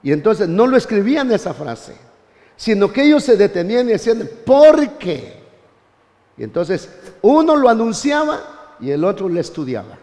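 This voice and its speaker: A man teaching a church Bible class, animated, often turning to his listeners as brother. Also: high voice, normal speed, big-room sound.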